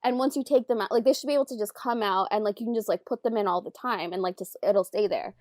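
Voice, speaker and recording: A woman's voice: mid-range voice, quick pace, a little mellow, no echo, studio quality. A young woman co-hosting a casual book podcast, telling rambling stories full of fillers and laughter. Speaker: podcast co-host. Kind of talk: casual chat.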